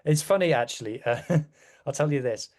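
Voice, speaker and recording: A man's voice: a little high, normal speed, darkish tone. A man chatting casually as a rugby podcast guest, with wry, self-deprecating asides. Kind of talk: casual chat.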